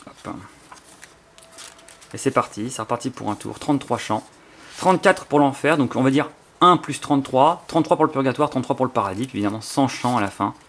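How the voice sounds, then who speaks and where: A man's voice: medium pitch, animated, brisk, a bit bright. A man with a French accent chatting casually and enthusiastically as he unboxes and leafs through a book, rambling with many fillers and restarts. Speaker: YouTuber presenting his book collection. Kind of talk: casual spontaneous unboxing chat.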